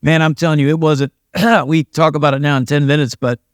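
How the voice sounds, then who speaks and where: A man's voice: a little high, fairly even intonation, brisk, clear, resonant tone, dry recording, studio quality. An older American man, a retired police sergeant and pastor, telling stories in a casual interview with a wry, self-deprecating manner. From United States.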